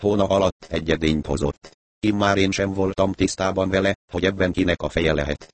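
A man's voice: deep voice, steady tone. A man reading a novel aloud, narrating and voicing the characters' dialogue. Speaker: audiobook narrator.

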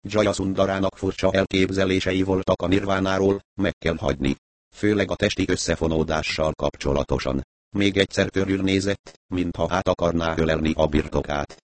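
A man reads a novel aloud in a calm, even storytelling manner. His voice sits very low. The recording is dry and close, with almost no room sound. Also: dry recording. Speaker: audiobook narrator. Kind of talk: scripted first-person narration.

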